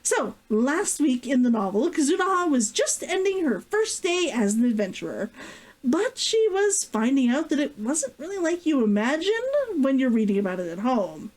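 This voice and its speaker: Her voice sits high and sing-song, a little mellow, on a rough recording. She streams as a vtuber and author, giggling and gushing with drawn-out sighs as she chats excitedly and reads from her novel.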